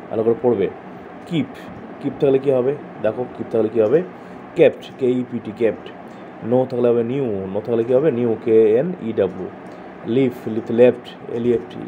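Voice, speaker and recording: A male tutor giving an online coaching lesson, drilling verbs by asking and answering and spelling words out letter by letter. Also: mid-range voice. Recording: tinny phone-like sound, faint noise.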